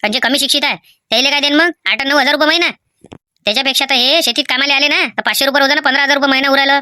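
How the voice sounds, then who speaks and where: A woman voicing a fussy excitable village farmer. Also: high voice, very fast, no echo. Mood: lecturing. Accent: Vidarbha Marathi. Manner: lecturing, fussy, shouts orders.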